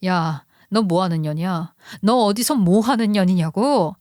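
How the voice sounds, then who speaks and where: Furious betrayed wife, played by the narrator. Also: female voice, lowish voice, measured pace, no room sound, studio quality, lightly acted. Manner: sharp, cursing, indignant. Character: furious betrayed wife, woman with two children.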